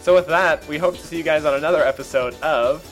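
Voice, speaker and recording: A man's voice: a little high, quick pace, soft background music. A man hosting a casual podcast, joking and laughing with his co-host.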